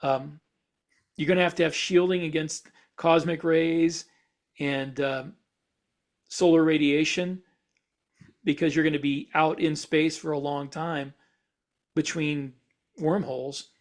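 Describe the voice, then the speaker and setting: Speaking slowly with long pauses, this man has a steady tone and a voice on the high side. As a podcast co-host he explains ideas casually while thinking out loud, in an easygoing chat about speculative science for fiction.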